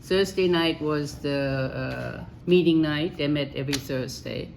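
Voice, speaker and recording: Older woman with a low voice. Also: measured pace, gravelly, noisy background. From Germany. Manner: chatty and matter-of-fact, laughs easily. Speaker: interviewee. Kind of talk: oral history interview.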